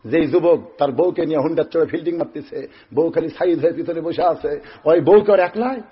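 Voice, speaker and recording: A man's voice: a little high, brisk, husky, dull audio. A man preaching a sermon in a singsong chant, asking the crowd rhetorical questions. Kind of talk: Islamic sermon (waz).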